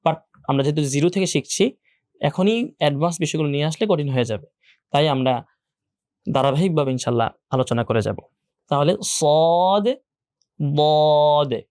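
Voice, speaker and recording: A man's voice: a little high, darkish tone, dry recording, studio quality. A young man teaching an online Quran class, who patiently repeats each letter sound again and again for his students. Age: young adult.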